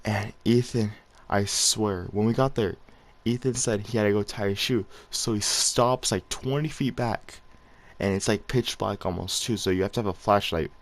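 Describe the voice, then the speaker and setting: Man, low voice, casual storytelling, slangy, rambling vlog talk. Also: fairly even intonation, moderate pace. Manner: slangy, rambling, laughs while telling. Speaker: vlogger.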